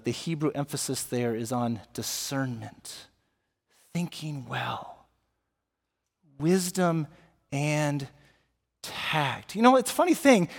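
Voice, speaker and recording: A man delivers a sermon from the pulpit, lively and engaging, often turning to quiz the congregation. His voice sits high for a man. The sound carries a long reverb from the church sanctuary. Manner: animated, asks the congregation questions. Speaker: pastor.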